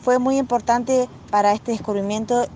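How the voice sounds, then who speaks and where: A woman's voice: fairly high pitch, steady tone, moderate pace, dark tone, slight background noise. A young woman, a student, reading her part of a school presentation.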